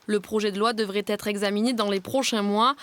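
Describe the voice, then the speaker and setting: A woman's voice: mid-range voice, steady tone, fairly quick, fairly bright tone, dry recording. A woman reading scripted narration as a television news reporter.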